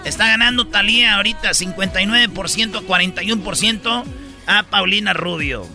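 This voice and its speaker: A man hosting a comic radio show, loud and playful like an announcer. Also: high-pitched, a little fast, gravelly, soft background music.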